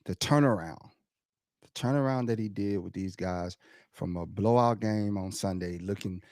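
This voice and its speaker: A man co-hosting a podcast, talking sports in a casual, animated way, laughing and mimicking the crowd. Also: low-pitched, moderate pace, no echo, studio quality. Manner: animated, laughs often, loud shouted impressions of the crowd. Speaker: podcast co-host.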